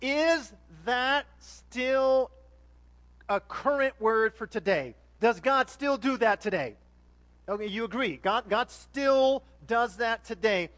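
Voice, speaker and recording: High-voiced man preaching conversationally. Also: slow. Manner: animated storytelling, addresses the congregation directly. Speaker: pastor. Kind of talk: conversational sermon.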